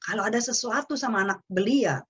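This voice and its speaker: A woman's voice: a little high, brisk, breathy edge, lo-fi sound. A middle-aged woman with an Indonesian accent, speaking casually and animatedly as a parenting webinar speaker. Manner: chatty, animated storytelling with acted quotes. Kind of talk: casual talk. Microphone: webinar microphone.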